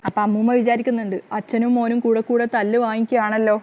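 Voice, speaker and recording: A woman narrating a recap of a drama serial in a rapid, running retelling. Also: on the high side, little pitch movement, darkish tone. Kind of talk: fast story recap narration.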